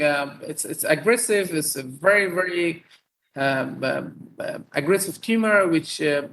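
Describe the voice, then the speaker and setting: Halting Afghan-born male surgeon, fairly high voice. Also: a bit bright, slight background noise, poor audio. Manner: halting, many fillers and repeated words. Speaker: neurosurgeon and professor presenting. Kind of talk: conference talk over video call.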